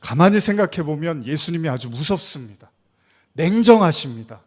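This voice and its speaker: Korean guy preaching, kinda high voice, asks the crowd lots of questions, acts out quotes. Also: normal speed. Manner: animated preaching with rhetorical questions, acting out quoted lines. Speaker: pastor. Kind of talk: sermon.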